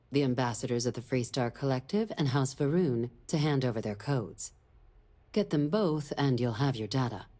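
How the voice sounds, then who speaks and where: A formal game diplomat woman, low voice, kinda husky. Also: mellow. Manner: formal, briefing tone. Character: brisk female deputy diplomat, middle-aged, composed. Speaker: deputy chief diplomat. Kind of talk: video game dialogue.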